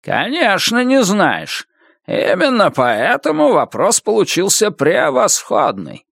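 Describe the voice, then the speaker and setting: A male narrator voicing an old drunken tramp who keeps asking questions in a teasing, drawn-out way. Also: high-pitched, huge pitch swings, gravelly, fairly bright tone, breathy edge, dry recording, studio quality, pitched above the performer's own voice, heavily acted. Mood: wry.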